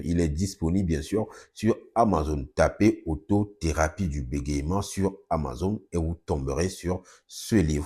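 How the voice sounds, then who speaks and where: Low husky-voiced man explaining. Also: mellow. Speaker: speech therapist presenting his book. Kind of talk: explanatory video presentation.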